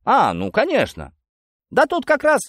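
A man voicing a fussy, gruff older militia sergeant major in an audiobook, talking breathlessly and then deferentially. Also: medium pitch, sing-song, brisk, dry recording, clean studio sound, voice pushed up, close to an everyday voice.

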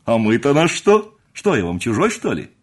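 Man playing a jovial old male friend, hearty, teasing, lively pitch, husky. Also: normal speed. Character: jovial older male family friend, fond of food and drink.

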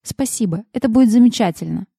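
A young princess-turned-secretary who tries to keep her polite composure while flustered, voiced by a woman narrator. Her lines have a mellow, dark tone and a dry, close sound. This is an audiobook romance character. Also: fairly high pitch, expressive, quick pace, creaky, breathy edge, dry recording, pitched above the performer's own voice, heavily acted.

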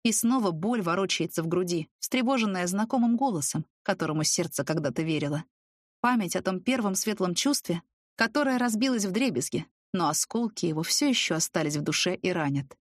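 A woman narrating a first-person romance audiobook in a soft, even storytelling voice. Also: lowish voice, fairly quick, dry recording, studio quality. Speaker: audiobook reader.

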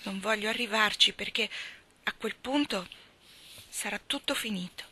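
A woman's voice: medium pitch, normal speed, sharp tone, slightly rough. A woman reading a novel aloud, voicing an imaginative, chatty orphan girl who gushes and sometimes drops to a whisper. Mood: downcast. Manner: breathless, gushing, sometimes whispering. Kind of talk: audiobook reading.

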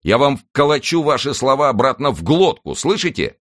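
A man's voice: low voice, big pitch swings, normal speed. A man reading aloud and voicing a brash young musketeer officer, cocky and defiant.

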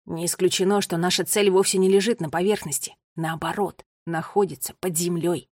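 A woman reading aloud, voicing a brash, defensive boy in a lowered, hushed voice in a storybook. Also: steady tone, fairly quick, no echo, studio quality, close to an everyday voice. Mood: thoughtful.

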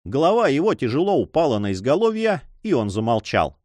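A man narrating an audiobook story in an expressive storytelling manner. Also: medium pitch, fairly quick, no echo. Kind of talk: scripted narration.

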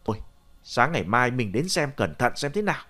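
A male narrator voicing a gruff old grandfather, a grave digger who curses and scolds bluntly. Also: mid-range voice, big pitch swings, brisk, bright, forceful tone. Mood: grumbling.

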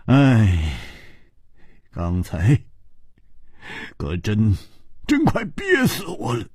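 A man storyteller voicing a brash, excitable hard-drinking swordsman who stammers in panic, in a traditional storytelling style. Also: extremely slow, breathy edge, dry recording, clean studio sound, full character voice. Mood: grumbling. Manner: stammers in panic, high and shrill.

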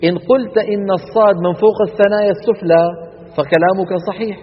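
A man's voice: sits high, steady tone, fast talker, slightly rough. Man teaching in a reverberant hall. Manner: demonstrates letter sounds, asks students to repeat. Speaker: Quran recitation teacher. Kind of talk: classroom lecture on articulation. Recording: dull recording with long hall reverb.

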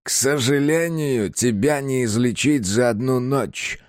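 A man's voice: medium pitch, unhurried, dry recording, clean studio sound, pitched above the performer's own voice, close to an everyday voice. A man doing Warden Vord, a shrieking fanatical old warden. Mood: gloating. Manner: preaching, sanctimonious, rising to shrieks. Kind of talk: audiobook reading.

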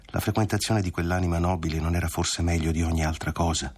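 Man voicing a young woman, gentle, grieving, husky low voice, audiobook. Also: steady tone, fast. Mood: tender.

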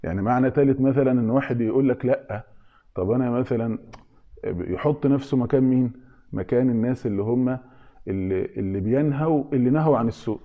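A man's voice: medium pitch, fast, narrow, tinny audio. A man with an Egyptian accent giving an informal religious lesson, often asking his listeners questions and answering them himself. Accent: Egyptian Arabic. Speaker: religious teacher.

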